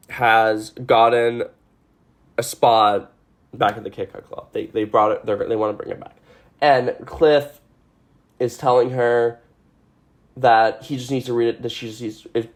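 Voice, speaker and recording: A man hosting a podcast, retelling a stage musical in a rambling, excitable, sweary way, full of "like" and restarts. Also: medium pitch. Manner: many fillers and restarts. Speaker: podcast host. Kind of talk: casual chat.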